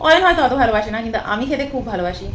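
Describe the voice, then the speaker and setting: A woman's voice: fairly high pitch, animated, racing, a bit bright, echoey room, slight background noise. A woman vlogging at home from her bed, chatting casually to the camera, rambling and repeating herself.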